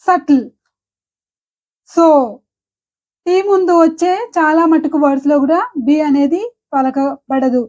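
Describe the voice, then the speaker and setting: A woman with a Telugu accent teaching English pronunciation, saying each example word slowly and clearly several times. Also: high voice, darkish tone, lo-fi sound. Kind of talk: pronunciation lesson.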